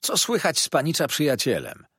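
A man voicing a kindly old fisherman who speaks slowly and fondly in a low voice. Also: wildly swooping pitch, slightly rough, dry recording, studio quality, exaggerated voice. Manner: warm, slow, low murmur.

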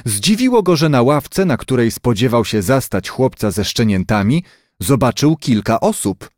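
A man narrating a children's story chapter as an audiobook, in an expressive, lively way. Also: mid-range voice, normal speed, no room sound, studio quality.

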